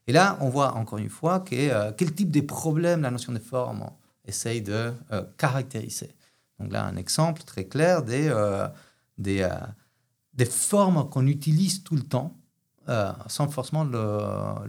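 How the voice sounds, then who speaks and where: A man with an Argentine Spanish accent, speaking French as a second language, explains philosophical ideas in an interview, often pausing and restarting. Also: mid-range voice, gravelly, darkish tone. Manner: hesitant, many restarts and fillers. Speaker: philosophy guest. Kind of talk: academic interview.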